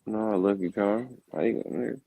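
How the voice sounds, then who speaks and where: A man's voice: on the low side, a little fast, mellow, slightly rough, dry recording. A man in a casual podcast chat, talking in a sleepy, drawling way with slang. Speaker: guest.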